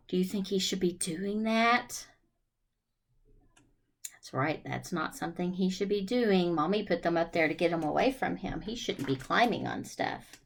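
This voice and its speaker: A woman with a fairly low, animated voice leads a children's storytime at a measured pace. She reads aloud and chats in a singsong way, putting questions to her young listeners.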